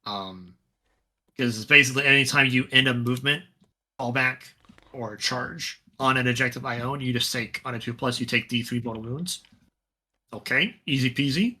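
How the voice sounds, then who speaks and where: A man with a strikingly bright, forward voice, talking casually as a podcast co-host. His pitch sits in the middle for a man. He rambles in a relaxed way, with lots of fillers and restarts. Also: normal speed, husky. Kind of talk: casual chat about a tabletop wargame.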